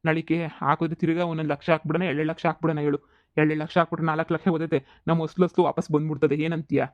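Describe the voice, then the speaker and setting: A man putting on a cocky older village brother for a cartoon comedy. He speaks fast, bossy and sure of himself, in a flat, fairly high voice. The sound is dry and slightly muffled. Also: no echo, natural voice. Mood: assured. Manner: confident, bossy, reassuring.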